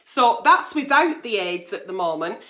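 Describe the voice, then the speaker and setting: A woman's voice: mid-range voice, big pitch swings, normal speed, pushed and bright. A woman hosting a chatty livestream, blunt and sweary, her diction slightly slack without her dentures in. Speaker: online agony aunt show host, pantomime performer. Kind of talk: chatty late-night livestream, reading out letters.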